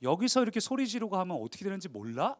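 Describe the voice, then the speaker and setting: Sneering male Pharisees scold a crowd in a mocking, dismissive tone, as a preacher acts them out. The voice stays fairly high for a man, and the talk is quick and casual. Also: very animated.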